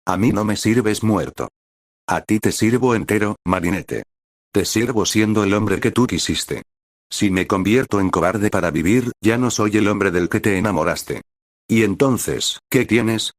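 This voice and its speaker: Weary condemned soldier, voiced by a man, slow hoarse voice, very deep, dry sound, storybook reading. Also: dry recording. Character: weary condemned male soldier, calm and resolute.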